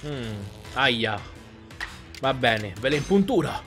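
A gaming YouTuber with a mid-range voice talks slowly with big pitch swings, giving casual let's play commentary. He's chatty and exclamatory, thinking aloud and reacting as he plays, while faint game music runs in the background.

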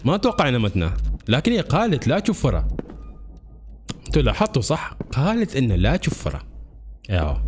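A man commentating a horror game let's-play, excitable and jumpy, constantly calling out to his viewers. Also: fairly low pitch. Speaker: gaming channel host.

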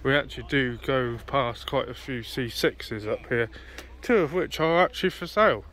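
This British man, a car show vlogger, offers casual, chummy commentary off the cuff while holding his phone on a grassy show field. His mid-range voice is a bit bright and moves at normal speed. He's chatty and matey.

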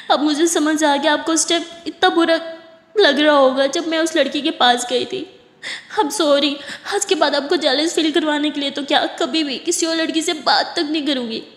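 A woman voicing a tearful young female college student who sobs and begs her girlfriend's forgiveness, in an echoey room with a long reverb. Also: high-pitched. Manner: sobbing, pleading.

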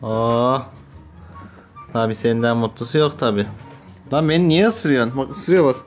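A man's voice: mid-range voice, measured pace, soft background music. A man casually chatting in a home vlog, playful and laughing as he teases and scolds a biting puppy. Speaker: vlogger playing with his new puppy. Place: at home indoors.

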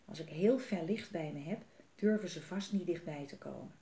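A woman reading aloud, voicing a careful young boy who talks quietly and at times whispers. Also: low voice, normal speed, echoey room.

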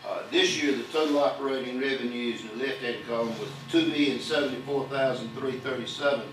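An older man stands at a podium in a municipal council chamber reading an audit report, steadily working through long lists of figures with occasional fillers. His mid-range voice is fairly even and a little fast. A podium mic and a distant camera give echoey room audio with a hum.

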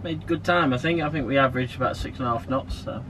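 A man, chatting casually on a sailboat with a dry, sardonic, low-key manner. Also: quick pace. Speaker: sailing vlogger, skipper. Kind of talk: casual chat. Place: outdoors in a sailboat cockpit. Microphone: camera mic from a short distance. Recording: outdoor wind and boat noise.

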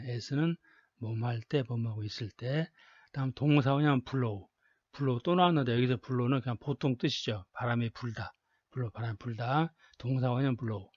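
A man's voice: mid-range voice, slightly rough, no room sound. Man teaching basic english, says everything twice, dry slightly muffled recording. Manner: patient, drills words by repeating them. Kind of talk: slow repetitive lesson narration.

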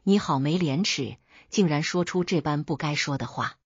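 A woman's voice: low voice, moderate pace, breathy edge, dry recording. A woman voicing a young wife in a storybook tale, speaking indignantly. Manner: indignant, then pleading. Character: young wife sold as concubine, defiant. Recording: dull lo-fi dry recording.

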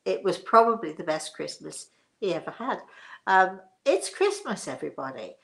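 This middle-aged Englishwoman has a lowish, gravelly, slightly bright voice and is very animated at a moderate pace. With an English accent, she hosts a live story session in her living room, rambling and chuckling through casual chat and personal anecdotes.

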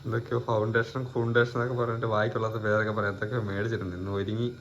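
A man's voice: on the low side, little pitch movement, rapid-fire, dull audio. A man giving easygoing, teasing commentary during a casual family vlog recorded at home.

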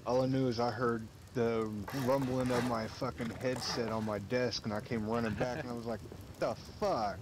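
A man's voice: medium pitch, little pitch movement, moderate pace, hardly any pauses. Blunt, swearing man on noisy game chat. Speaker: gamer on voice chat. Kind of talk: casual team game chat.

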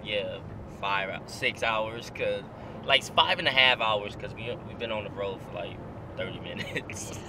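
Young male vlogger, loose slangy delivery, lowish voice, filmed at arm's length over street noise. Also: measured pace. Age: young adult. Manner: loose slangy talk with frequent laughs. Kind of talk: casual road-trip vlog. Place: car, gas station and city streets outdoors. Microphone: handheld camera at arm's length. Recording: street and car noise behind.

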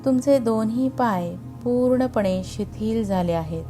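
Over background music, a woman with a slightly high voice leads a guided meditation. She speaks calmly and soothingly, never hurrying, and leaves long pauses.

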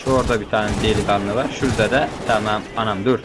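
Excitable young man commenting on gameplay. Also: on the low side, fast talker, very noisy. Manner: excitable, joking, banters with game characters.

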